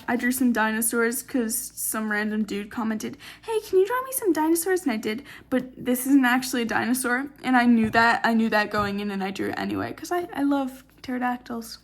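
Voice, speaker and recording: Tired, rambling young woman. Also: on the high side. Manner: rambling and jokey, with swearing and sarcastic asides. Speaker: artist showing her sketchbook. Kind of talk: casual late-night sketchbook tour. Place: indoors, dim room at night.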